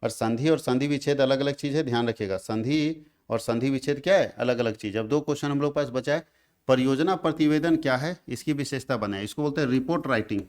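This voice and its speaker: A man's voice: mid-range voice, quick pace, darkish tone. A male teacher giving an exam revision lecture. He goes over each point twice and keeps checking that students follow.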